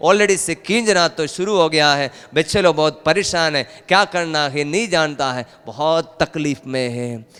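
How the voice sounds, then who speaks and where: A man's voice: fairly high pitch, moderate pace, hardly any pauses, clear, resonant tone, in a large hall. A male priest, preaching a rousing sermon at a family retreat and urging the crowd to call out hallelujah. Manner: rousing, calls for hallelujah, rises to loud emphatic peaks. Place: large hall at a retreat.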